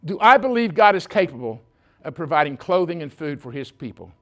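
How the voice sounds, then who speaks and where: High-voiced preacher. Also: male voice, very animated, a little fast. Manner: folksy and joking, speaking directly to the congregation. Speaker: pastor. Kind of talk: sermon.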